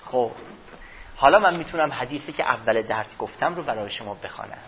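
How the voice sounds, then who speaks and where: A man giving a religious history lesson, retelling events dramatically and swinging from loud passages to hushed ones, with a husky voice. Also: mid-range voice, animated, highs cut off, a little hiss or hum. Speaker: religious teacher.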